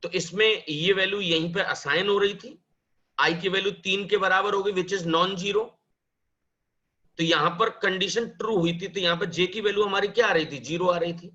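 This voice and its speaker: During a live programming class, a man explains things step by step, asking questions and then answering them himself. His voice sits high, bright and forceful at a moderate pace, and he blends Hindi with English, calling students "bhai" and "beta", on a muffled recording.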